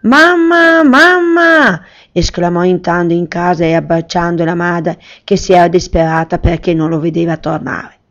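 Low-voiced woman reading a fairy tale. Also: completely flat delivery, normal speed, a little mellow, muffled recording, soft background music. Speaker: storyteller.

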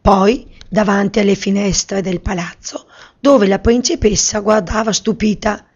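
Soft-spoken woman telling a fairy tale. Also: mid-range voice, fairly even intonation, a little slow, breathy edge. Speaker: storyteller. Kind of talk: scripted fairy-tale narration. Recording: slightly muffled recording.

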